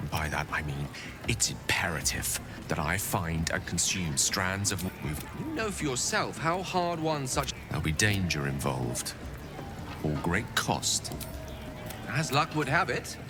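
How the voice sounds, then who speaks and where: An actor playing a courtly, theatrical wizard in a video game, eloquent and earnest. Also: male voice, lowish voice. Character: courtly, theatrical male wizard with urgent secret hunger. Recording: game music behind the voice.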